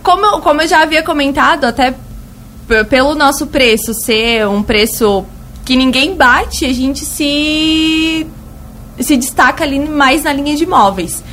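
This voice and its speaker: A woman's voice: high voice, measured pace, a bit bright, slight background noise. A woman with a thin, reedy, slightly cracked voice, chatting colloquially as a store representative promoting her shop in a radio interview. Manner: colloquial, fond of diminutives and emphatic repetition. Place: radio studio.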